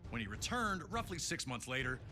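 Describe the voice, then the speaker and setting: This scripted wrestling-history narration comes from a man with a medium-pitched, sing-song voice, speaking a little fast and close to how he'd normally talk. He goes for an emphatic, dramatic hyped-announcer delivery, with music running underneath.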